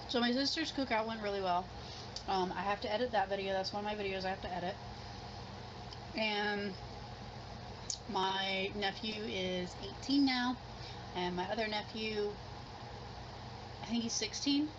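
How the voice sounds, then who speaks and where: Middle-aged woman, casual rambling vlog chat, self-doubting, medium pitch, dull sound with clear background noise. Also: normal speed, long pauses. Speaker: mukbang vlogger. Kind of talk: casual chat while eating.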